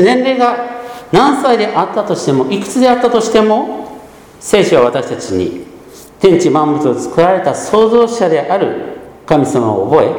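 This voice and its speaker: A pastor in his fifties from Gunma gives a measured sermon, pausing often with soft hesitations. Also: on the high side, reverberant, long reverb tail, low-quality recording. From Gunma, Japan. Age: 50s.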